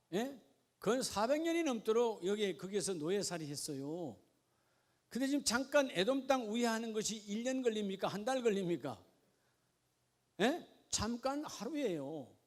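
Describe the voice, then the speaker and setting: Male pastor, high voice, lively question-and-answer sermon style. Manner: lively preaching, asks the congregation questions. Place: church.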